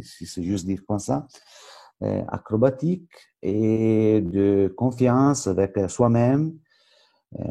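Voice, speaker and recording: A man with an Italian accent presents a coaching webinar in a low, gravelly, soft-edged voice. He goes slowly and haltingly, searching for words in a language that is not his own. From Switzerland. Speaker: football coach educator.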